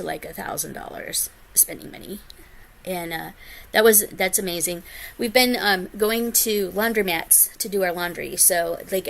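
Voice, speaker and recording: A woman's voice: on the low side, creaky, a bit bright. A woman in her forties chatting casually to her vlog viewers, rambling with lots of ums and sounding tired. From United States. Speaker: flosstube vlogger. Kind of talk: casual chat to camera.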